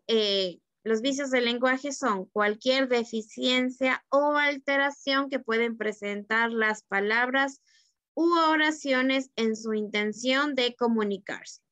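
A woman's voice: a little high, a bit bright, no echo. A woman teacher giving an online literature lesson, explaining terms step by step and often checking in with her students. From Ecuador.

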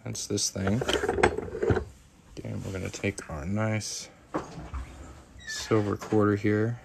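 A man's voice: on the low side, little pitch movement, slow, creaky. A man chatting casually while demonstrating craft work live and answering viewer comments. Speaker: coin ring maker streaming live. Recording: noisy workshop live stream. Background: workshop tool noise, sanding and clicks.

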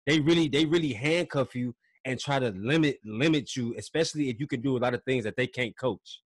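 A man's voice: medium pitch, husky, no echo. Agreeable male podcast host, dry sound. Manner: affirming, quick to agree and laugh along. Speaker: podcast host, former college football player. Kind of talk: casual interview chat.

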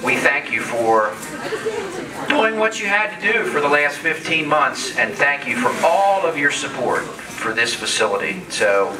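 A man's voice: fairly high pitch, big pitch swings, measured pace. A middle-aged man talks into a handheld mic in a large farm hall, and his voice rings through the echoing space. He reads from a proclamation and keeps breaking away from it for jokes. A crowd murmurs in the background. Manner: joking, off-script asides. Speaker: county commissioner presenting awards. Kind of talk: casual public ceremony speech. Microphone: handheld microphone. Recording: echoey hall, crowd noise, distant mic.

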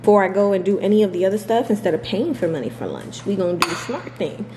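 A vlogger with a warm, expressive, mid-range voice talks fast as she chats casually to camera, laughing often and talking to her dogs. She's at home in a large, bright living room, with the camera on a table close by. Echo and clear background noise fill the recording.

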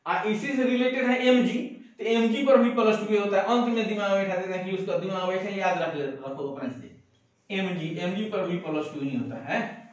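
Male teacher with a high voice, folksy lecture style, recorded from across a booming classroom. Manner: colloquial, folksy, uses village sayings and mnemonics. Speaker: school teacher. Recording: echoey, distant, dull lo-fi classroom recording.

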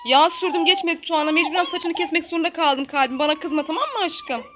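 A woman's voice: very high-pitched, expressive, fast talker, background noise. A woman voicing a mother in a toy role-play, talking in a coaxing, affectionate way and repeating her soothing words. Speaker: toy video host.

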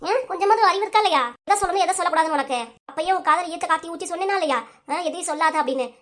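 Woman voicing a high, rapid scolding village aunt. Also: a bit bright. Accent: Tirunelveli Tamil. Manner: pleading then scolding, rapid. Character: scolding middle-aged aunt and mother.

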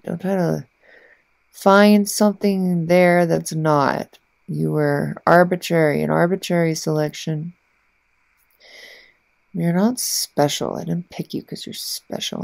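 A woman voicing a haughty, secretly affectionate cat girl in a soft ASMR ASMR role-play, murmuring haltingly with breathy mouth sounds. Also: lowish voice, fairly even intonation, no room sound. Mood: defensive, dismissive.

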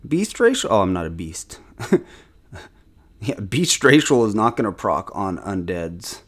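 A man's voice: fairly low pitch, very animated, unhurried, fairly bright tone. A man giving casual, self-critical commentary on his own gameplay as a channel host, thinking aloud with restarts and chuckles.

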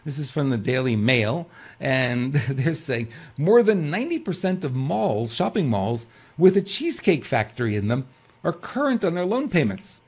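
A man's voice: medium pitch, sing-song, normal speed, darkish tone, slightly rough. An older man co-hosting a political news talk show, reading news aloud and commenting casually with rhetorical questions and frequent restarts.

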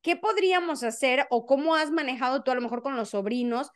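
A woman hosts a talk show. Her voice is high and she sounds chatty and eager, pressing her guest for stories. She runs the show herself, calling the breaks. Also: brisk. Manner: lively, chatty, eager questions. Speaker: host. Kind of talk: radio talk show hosting.

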